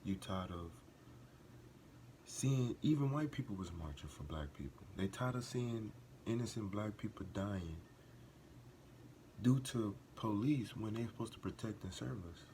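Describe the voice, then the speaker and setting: A man's voice: fairly low pitch, animated, unhurried, a little mellow, slight background noise. A man hosting a reaction video, talking earnestly and with passion, repeating and restarting phrases as he builds to emphatic bursts. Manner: earnest and impassioned, rising to emphatic outbursts. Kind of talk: casual reaction commentary.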